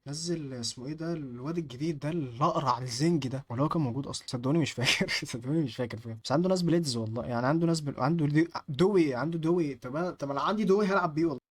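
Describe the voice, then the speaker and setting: A young man with an Egyptian Arabic accent, giving live gameplay commentary, excitable, chanting at the screen and muttering to calm himself. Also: fairly high pitch, rapid-fire, hardly any pauses, husky. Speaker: gaming YouTuber.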